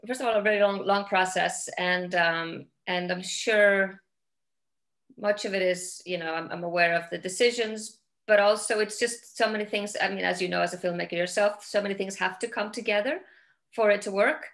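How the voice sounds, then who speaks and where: Icelandic woman, middle-aged, film director, casual video-call chat, thoughtful, halting phrasing. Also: medium pitch, fairly even intonation, a bit bright. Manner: thoughtful, repeats words while searching for phrasing. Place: home room with large windows.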